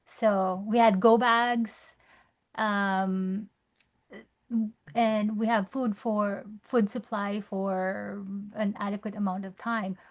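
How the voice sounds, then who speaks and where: A woman from the Philippines, the host's wife speaking off camera, talking in a measured, slightly hesitant way. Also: mid-range voice, steady tone. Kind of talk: casual call-in talk.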